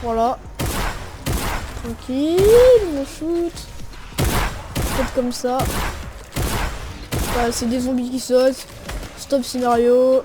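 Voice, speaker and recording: Relaxed slangy young woman, higher voice. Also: slow pace, pauses often, noisy background. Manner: slangy and relaxed, narrating with spoken shot noises. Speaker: gaming video creator. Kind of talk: casual gameplay tutorial commentary. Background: music and gunfire from the game.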